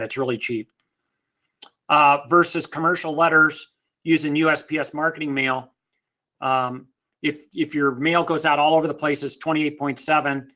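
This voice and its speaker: Middle-aged man explaining rates, bright tone. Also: mid-range voice. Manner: conversational, explanatory, many fillers. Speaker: webinar presenter. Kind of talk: live webinar presentation.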